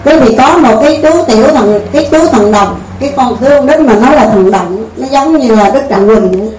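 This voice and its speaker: Woman, high voice, relaxed folksy storyteller, recorded from afar. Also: a little fast, a little hiss or hum. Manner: homely and conversational, with frequent restarts. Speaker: storyteller and teacher. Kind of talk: casual spoken teaching with a folk tale. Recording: roomy distant recording with faint ambience.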